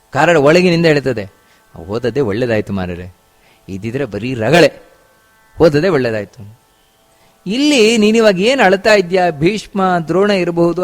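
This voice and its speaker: A man with a raised, fairly high voice teaches from scripture in a spiritual discourse. He leans on repetition and rhetorical questions to drive each point home. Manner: repeats phrases and asks rhetorical questions; chants verses slowly in song. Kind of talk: religious discourse explaining scripture.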